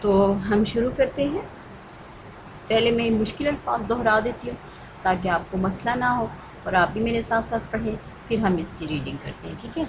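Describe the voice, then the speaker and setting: A woman's voice: a little high, lively intonation, normal speed. A woman school teacher explains a lesson to children patiently, often checking in with them. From Pakistan. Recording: recording with clear background noise.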